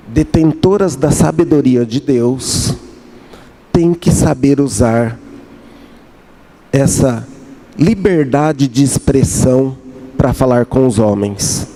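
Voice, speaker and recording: A man's voice: medium pitch, warm tone. A middle-aged man preaching a sermon as pastor, repeating key phrases and acting out little dialogues. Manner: slow, repeats key phrases, acts out dialogue with his wife.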